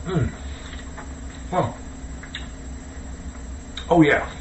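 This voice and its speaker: A man's voice: a little high, very slow. A man chatting casually as he cooks at home, easygoing and thinking aloud. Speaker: home cook hosting a cooking video. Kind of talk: casual cooking chat. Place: indoors, kitchen. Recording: distant mic, dull, echoey, noisy room.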